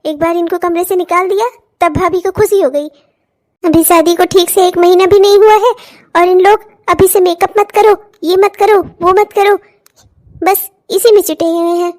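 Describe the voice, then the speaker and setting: A woman's voice: very high-pitched, fairly even intonation, moderate pace. Woman voicing a meek young bride, pleading. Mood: complaining. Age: young adult. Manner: soft, pleading and put-upon. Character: meek, newly married young wife. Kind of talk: cartoon voice acting.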